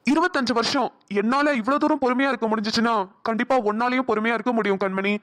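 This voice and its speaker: A woman doing a kind cartoon young man, soothing, fairly high voice, earnest. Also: fast, a bit bright, lightly acted. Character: caring young man Karthik, gentle supportive friend. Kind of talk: cartoon drama voice acting.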